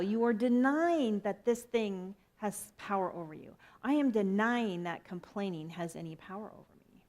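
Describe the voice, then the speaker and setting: Woman minister giving a chatty sermon. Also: mid-range voice. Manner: conversational and playful, with self-deprecating asides.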